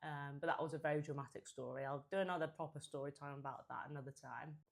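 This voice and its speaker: Young woman, low register. Informal mukbang chat, talking between and through mouthfuls, chewing. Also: fairly even intonation, quick pace, gravelly. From Hampshire, England and Japan. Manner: chewing and eating while talking, mouth sometimes full; chatty, informal. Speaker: food content creator. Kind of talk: casual mukbang chat to followers.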